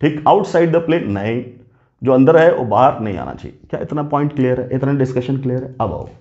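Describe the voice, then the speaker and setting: A man's voice: mid-range voice, expressive, fairly quick, a little mellow. A male chemistry teacher giving a classroom lecture, repeating points and checking that students understand. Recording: roomy, slightly dull classroom recording.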